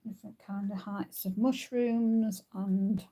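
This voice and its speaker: A woman's voice: medium pitch, fairly even intonation, takes it slowly, warm tone. A woman hosting a craft tutorial, thinking aloud as she works, with frequent ums and uhs. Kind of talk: casual crafting demonstration.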